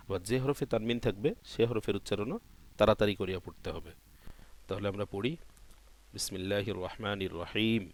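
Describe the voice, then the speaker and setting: A man with a fairly low voice and a Bangladeshi Bengali accent teaches Quran reading. He walks through each rule step by step, repeating the letter sounds slowly so students can follow. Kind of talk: patient spoken lesson.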